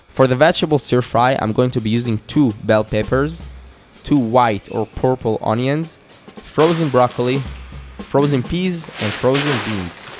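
A young man narrates a recipe in a calm, steady voice-over, walking through each step in order. His pitch sits at an ordinary middle level. Clear background music plays under his voice throughout. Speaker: fitness cooking creator. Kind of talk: scripted cooking voice-over.

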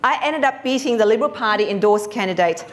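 A woman's voice: on the high side, animated, quick pace, over a noisy crowd, very noisy. A middle-aged woman, a former councillor, giving an earnest, composed speech at a lectern in a conference hall.

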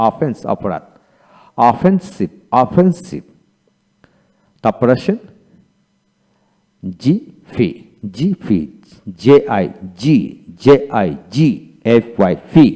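A male teacher with a Bengali accent gives a video lesson on English pronunciation. His voice is mellow and dark, and his pitch rises and falls widely as he spells out each word letter by letter. He says every word several times, slowly and deliberately.

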